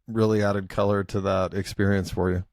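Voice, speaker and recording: A man's voice: fairly low pitch, little pitch movement, moderate pace, darkish tone, no echo, clean studio sound. A man hosting a podcast interview, asking short questions and reacting to his guest. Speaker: podcast host. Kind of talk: interview host.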